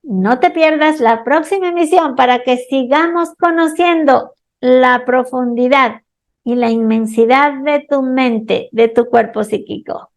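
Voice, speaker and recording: A woman hosting a radio show as a holistic therapist, speaking calmly and slowly, asking the listener questions. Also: sits high, gravelly. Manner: calm, slow, addresses listener directly with questions. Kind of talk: scripted radio talk with examples.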